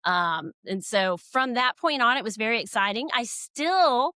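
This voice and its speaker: A middle-aged woman from Georgia with a Southern accent, a nurse giving a relaxed interview with fillers and trailing sentence ends. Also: fairly high pitch, unhurried, no room sound. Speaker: guest, nurse and legal nurse consultant. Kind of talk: casual interview conversation.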